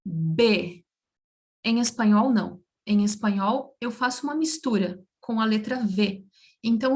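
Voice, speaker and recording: A Brazilian woman with Portuguese as her first language, giving a slow, careful language lesson and checking in with her listeners often. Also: mid-range voice. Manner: slow and careful, spells out sounds and checks in with "certo?". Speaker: Spanish teacher.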